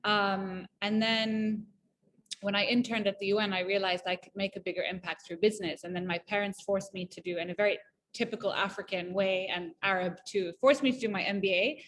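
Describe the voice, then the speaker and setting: This Malawian woman in her thirties, an entrepreneur, guests on a casual interview and chats upbeat and talkative, with many fillers and restarts. She speaks fairly quickly at medium pitch, with fairly even intonation and a fairly bright tone. A slight hiss or hum is audible.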